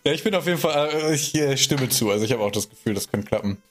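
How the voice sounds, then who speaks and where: A man's voice: medium pitch, animated, fast talker, faint music behind. A man hosting a casual podcast chat, laughing often and loosely steering the talk between segments. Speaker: podcast host and moderator.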